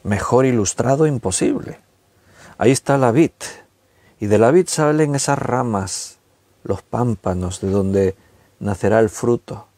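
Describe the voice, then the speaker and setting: A man from preaching a sermon at home in a conversational way, slowing down to stretch key words. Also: medium pitch, mellow, no room sound. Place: recorded at home with a tablet.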